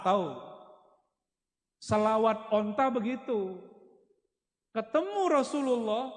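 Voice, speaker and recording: A man preaching a humorous sermon, telling stories in a joking, animated way. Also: very high voice. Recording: echoey hall.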